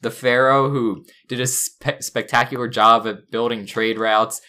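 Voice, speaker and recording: A man's voice: mid-range voice, steady tone, a little slow, pushed and bright. A young man co-hosting a casual comedic chat, playful and mock-serious, often laughing. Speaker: podcast co-host.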